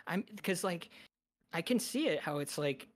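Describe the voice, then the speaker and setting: A woman with a low voice chatting casually on a podcast, recorded close and dry. She talks in a relaxed, hesitant way, filling gaps with ums and likes. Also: normal speed, dry recording. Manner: relaxed, hesitant with many fillers. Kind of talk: casual chat.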